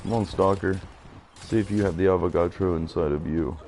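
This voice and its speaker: Low-voiced man rambling over live gameplay. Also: fairly quick, noisy background. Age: 30s. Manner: rambling and chatty, talking to his viewers. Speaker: live game streamer. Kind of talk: casual live gameplay commentary.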